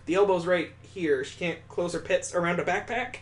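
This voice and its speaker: Hosting a gaming video, a man with a high-sitting voice at normal speed reads a visual novel aloud. He keeps breaking off into wry, jokey side comments.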